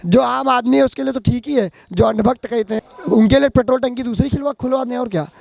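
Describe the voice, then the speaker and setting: A man's voice: very high voice, quick pace, creaky, darkish tone. A man, speaking in a heated street interview in a fiery, accusing, oratorical way. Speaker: local resident interviewed.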